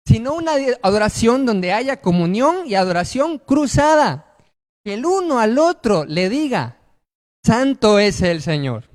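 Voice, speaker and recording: Pastor guy, high voice, preaching with big loud bursts, long reverb all around. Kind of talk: sermon.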